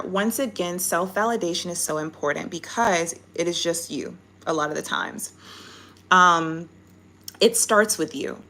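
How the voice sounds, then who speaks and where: Lower-pitched woman, encouraging life coach. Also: a bit bright. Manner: encouraging, instructive life-coach delivery with check-in tags. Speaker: life coach hosting a live stream. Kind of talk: live coaching talk to an online audience.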